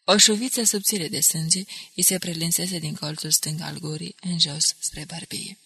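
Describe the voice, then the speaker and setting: A woman reading an audiobook in a measured, dramatic narration. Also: lowish voice, fairly even intonation, vocal fry, sharp tone, husky, dry recording.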